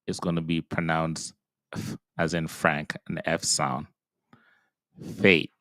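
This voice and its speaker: A man's voice: rumbling low, flat delivery, measured pace, fairly bright tone, no echo, clean studio sound. A man teaching Hebrew reading in a patient, step-by-step pronunciation lesson, sounding out syllables and repeating them.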